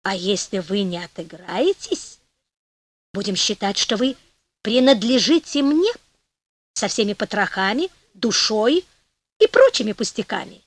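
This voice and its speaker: A woman's voice: animated, unhurried, no echo. Woman doing a sly, wheedling male devil. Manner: ingratiating, then shrill pleading. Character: sly fawning male devil, later wailing.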